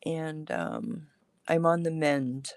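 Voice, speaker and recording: Speaking slowly from her home crafting space, a woman recovering from illness hosts a casual live crafting stream in a low, gravelly, slightly mellow voice with a sing-song lilt. She's chatty, welcoming viewers as she demonstrates her craft.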